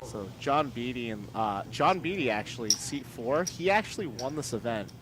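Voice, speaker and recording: A man commentating on a live poker broadcast, talking in a halting way with many fillers and restarts. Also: mid-range voice, expressive, noisy background.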